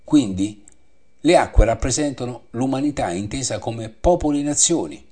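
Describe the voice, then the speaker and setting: A man teaching a Bible study, reading scripture aloud and explaining it in a measured way that repeats the references. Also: mid-range voice, lively intonation, mellow.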